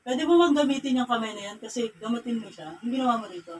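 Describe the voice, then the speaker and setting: Stern Filipino faith healer woman, high pitch. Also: animated, fast. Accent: Filipino, Cagayan Valley. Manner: stern, repetitive questioning, scolding. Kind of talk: healing ritual interrogation. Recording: distant mic with faint ambient noise.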